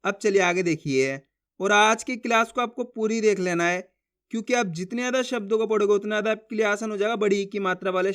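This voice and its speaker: Bright, clear-voiced male Hindi teacher. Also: sits high. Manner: drawn-out syllables when sounding out words; asks viewers to read along with him. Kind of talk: spoken lesson for beginners.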